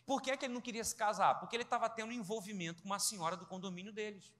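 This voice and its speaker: A man telling a humorous family story in a sermon, animated and acting out quick dialogue between relatives. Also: high voice, long reverb tail. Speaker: preacher.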